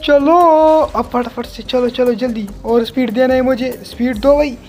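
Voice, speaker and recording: A man giving excited let's-play commentary as a gaming channel host. He yelps, repeats words over and over, and keeps calling the viewer brother. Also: very high voice, normal speed, soft background music.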